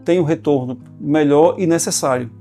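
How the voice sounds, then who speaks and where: A man's voice: a little high, moderate pace, dark tone. A man with a Brazilian accent, a researcher, talks earnestly in an interview, stumbling a little over his words. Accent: Brazilian Portuguese. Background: faint guitar music.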